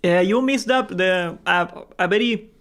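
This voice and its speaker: A man's voice: high voice, unhurried, fairly bright tone. A young man hosting a gaming livestream, chatting casually and jokingly, laughing often and swearing freely. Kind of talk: casual live-stream chat.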